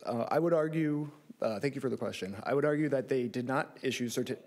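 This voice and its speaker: Man, thirties, middle-pitched voice, lawyer, formal oral argument. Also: fast, darkish tone. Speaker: lawyer arguing an appeal. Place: large courtroom. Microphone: lectern microphone.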